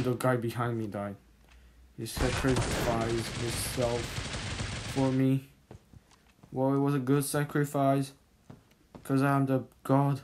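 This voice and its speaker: A gamer commentating on a shooter game in short, repeated, exasperated complaints. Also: mid-range voice. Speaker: gaming video creator. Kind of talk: casual first-person shooter gameplay commentary. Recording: noisy, with game gunfire. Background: video game gunshots and clicks.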